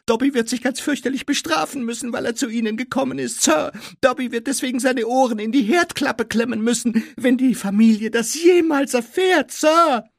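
A man voicing a small, servile male house-elf with a piercing squeaky voice who calls everyone sir. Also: moderate pace, vocal fry, hardly any pauses, dry recording, clean studio sound, full character voice. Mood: anxious. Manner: calls everyone sir, refers to himself by name.

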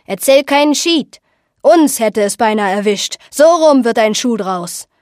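A woman does a blustering, burly male boat skipper with a loud, gruff delivery. Her voice is close and dry, with no room around it. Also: on the high side, slow, no room sound. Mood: angry.

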